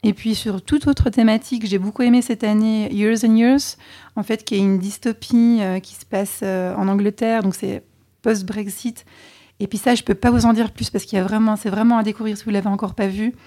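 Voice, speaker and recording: A chatty woman answering interview questions with a mellow, warm tone. She talks candidly and hesitates now and then as she thinks. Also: mid-range voice, steady tone, normal speed. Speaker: podcast co-host being interviewed.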